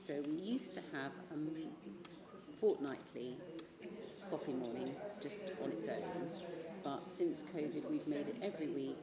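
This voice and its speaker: Low-voiced gentle woman. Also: measured pace. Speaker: church member on a panel. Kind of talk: casual panel conversation. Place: church. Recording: roomy church with crowd noise.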